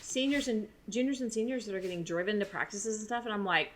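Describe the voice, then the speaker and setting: A woman's voice: medium pitch, fast. A woman co-hosting a casual podcast, talking frankly and conversationally. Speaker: podcast co-host and mother. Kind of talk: casual chat.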